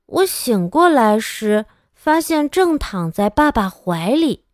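A woman telling a children's storybook aloud, with a lively, animated, childlike narration. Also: on the high side, slow, no room sound, clean studio sound. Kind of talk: expressive storybook reading for children.

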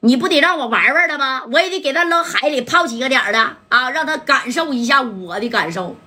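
A woman voicing a brash, vengeful male gang enforcer who boasts and threatens loudly. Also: high-pitched, lively intonation, a little fast, voice pushed up, heavily acted. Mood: aggrieved.

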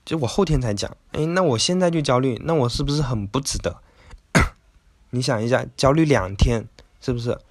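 A man hosting a casual self-help talk, chatty and rambling, with lots of little filler words. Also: mid-range voice. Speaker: podcast host.

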